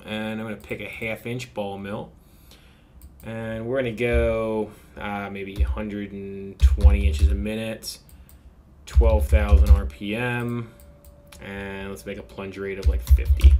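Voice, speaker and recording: A man teaching a machining software lesson, talking through each setting in a relaxed, thinking-aloud way with frequent fillers. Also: lowish voice. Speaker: machining instructor. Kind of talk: software tutorial screen recording.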